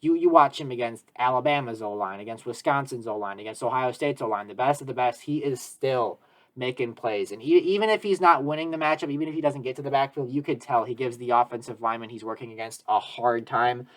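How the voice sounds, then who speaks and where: A man's voice: mid-range voice, fairly quick, fairly bright tone. A man hosting a casual sports discussion podcast, talking eagerly and at length with emphatic analysis. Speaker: podcast host.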